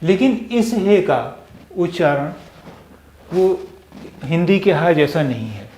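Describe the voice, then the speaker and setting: A male language teacher giving a slow spoken lesson. He repeats sounds patiently and often hesitates with "uh". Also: a little high, big pitch swings, darkish tone, a little hiss or hum. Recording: echoey room.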